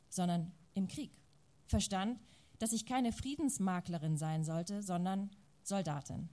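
A woman reading a novel excerpt aloud at a public reading, dramatic and building to loud, shouted passages. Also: medium pitch. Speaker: reader at a public literary reading.

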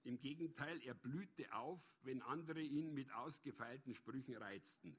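A man reads a story aloud as an audiobook narrator. His delivery is measured and even, at a middle pitch for a man. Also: breathy edge.

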